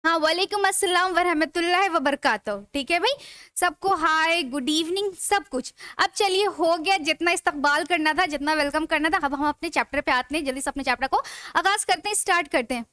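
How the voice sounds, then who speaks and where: A woman's voice: very high-pitched, brisk, bright, forceful tone, dry recording, studio quality. A young woman teaching an online grammar class, chatty and asking her students rhetorical questions as she goes. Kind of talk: live online class lecture.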